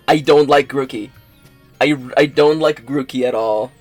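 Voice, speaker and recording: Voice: mid-range voice, slow. Emphatic, sweary casual debater over background music. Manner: emphatic, repeats himself, sweary. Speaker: co-host ranking Pokémon on a stream. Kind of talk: casual banter, opinionated debate.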